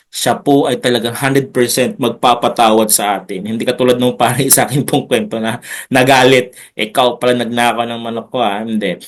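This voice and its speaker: A man pastor teaching a Bible lesson in an unhurried, chatty preaching style, with jokes and asides to his listeners. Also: medium pitch.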